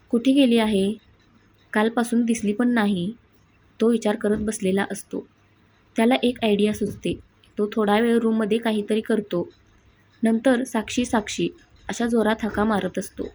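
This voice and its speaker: A woman narrating a family drama story in a plain, steady storytelling manner, with a husky voice. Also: a little high, low-quality recording. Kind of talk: scripted narration.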